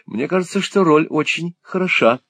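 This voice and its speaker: A man's voice: fairly high pitch, expressive, normal speed, a bit bright, no echo, pitched above the performer's own voice. A man voicing an earnest, naive young playwright who explains things politely with a touch of irony. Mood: explaining.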